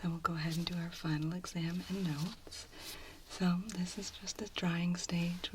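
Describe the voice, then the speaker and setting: A woman's voice: deep voice, a little mellow, slight background noise. A woman whispers an ear cleaning ASMR role-play as a soothing, reassuring clinician giving an exam. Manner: soothing, reassuring, professional clinical bedside talk.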